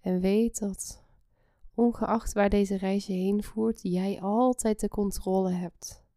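A woman guiding a relaxation meditation in a soft, soothing, breathy half-whisper. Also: mid-range voice, steady tone, takes it slowly, dry recording, studio quality. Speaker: guided meditation host.

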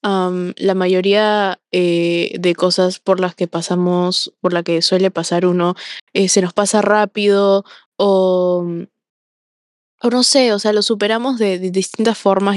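A woman co-hosting a casual podcast, talking with many pauses and fillers and slipping into English phrases. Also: lowish voice, little pitch movement, no room sound, studio quality. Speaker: podcast co-host.

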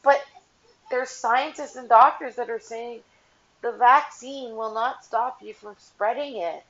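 A woman's voice: on the high side, unhurried, fairly bright tone. Blunt, profane woman ranting to camera. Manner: blunt, profane, rambling with frequent "like". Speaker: vlogger, mother. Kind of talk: casual rant to camera. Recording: dull lo-fi audio.

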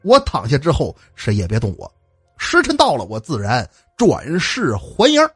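Man doing a stern old immortal, commanding, husky, dry, wide-ranging. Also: mid-range voice, huge pitch swings, normal speed, fairly bright tone, no room sound, soft background music, heavily acted.

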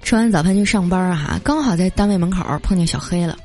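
A woman telling funny stories in a lively, laughing way, as a host. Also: on the low side, fast talker. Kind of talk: comic storytelling. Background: background music.

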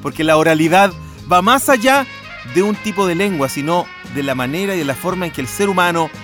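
Un hombre con acento chileno charla en un podcast y cuenta anécdotas con humor y soltura. Tiene una voz de tono algo alto. Hay música sonando de fondo todo el tiempo. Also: male voice, high-pitched, fairly quick, faint music behind. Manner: playful storyteller, relaxed and chatty. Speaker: podcast co-host. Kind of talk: casual podcast chat.

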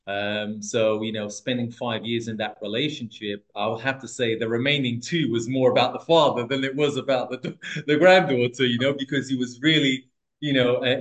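Telling his life story as a podcast guest, this thirtysomething man from Portugal has a medium-pitched, somewhat bright voice, captured on poor audio. His casual delivery is hesitant, with frequent restarts and fillers.

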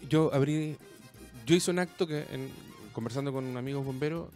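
A Chilean man telling a friend a story in a casual chat, full of slang, restarts and halting bursts. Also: medium pitch, darkish tone, faint music behind. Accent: Chilean Spanish.

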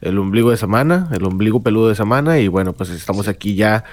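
A man's voice: fairly low pitch, fast, dry recording. A man co-hosting a podcast in casual, joking banter. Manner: joking, playful, lively delivery. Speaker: podcast co-host.

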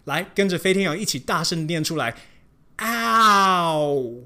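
An English pronunciation teacher giving a language lesson, explaining in Mandarin and modeling English words slowly and repeatedly. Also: mid-range voice, a bit bright. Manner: switches between Mandarin explanation and English examples.

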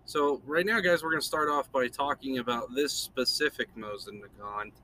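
A male podcast host talking casually at a middle pitch, laid-back and rambling. He chuckles often. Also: normal speed, pushed and bright, slight background noise. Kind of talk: casual chat.

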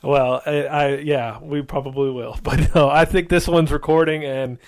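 A man hosting a casual podcast as a beginner, speaking in a halting, self-deprecating way with frequent restarts. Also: fairly high pitch, fairly even intonation, dry recording. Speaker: novice podcast host.

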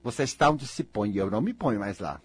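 A man with a Brazilian accent giving a blunt, scolding motivational monologue, jumping from loud outbursts to low mutters. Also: expressive, quick pace, slightly rough.

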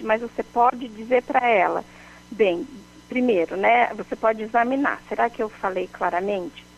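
A woman, a guest expert explaining how to handle emotions in a measured way, often checking in with the host by name. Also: on the high side, creaky, dull audio. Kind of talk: calm explanatory advice.

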